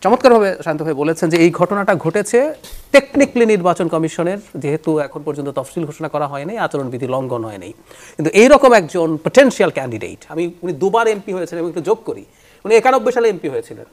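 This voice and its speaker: Animated, high-pitched male political analyst. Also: a little fast. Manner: animated, explanatory, mixes in English terms. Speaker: talk show guest analyst. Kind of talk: political talk show commentary.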